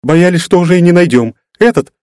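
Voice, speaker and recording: A man voicing an excitable young woman friend in an audiobook, chattering eagerly. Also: high voice, fairly quick, no room sound, studio quality, voice pushed up, close to an everyday voice. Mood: worried.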